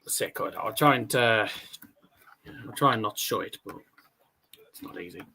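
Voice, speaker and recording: A man's voice: on the low side, normal speed, sharp tone, a little hiss or hum. A man hosts a casual sports watchalong stream. He has a stutter and cannot pronounce his R's, which sound like W's. His talk is loose, rambling and sweary, slipping between chat and commentary. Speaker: livestream host.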